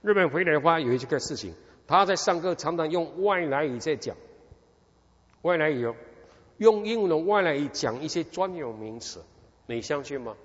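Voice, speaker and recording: A man's voice: a little high, moderate pace. A middle-aged man from Taiwan, preaching a sermon through a personal story and asking his listeners question after question. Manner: animated storytelling, constant rhetorical questions. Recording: dull recording in a reverberant hall.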